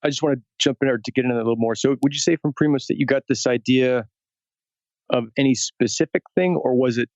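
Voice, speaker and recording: A man's voice: medium pitch, fast, darkish tone, no echo, lo-fi sound. A man co-hosting a podcast, asking long probing questions. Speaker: podcast co-host. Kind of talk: casual podcast chat.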